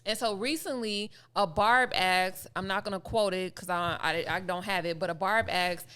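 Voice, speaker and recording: A woman's voice: mid-range voice, normal speed, pushed and bright, smooth. A woman from Chicago co-hosting a podcast in casual chat, blunt and swearing freely. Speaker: podcast co-host.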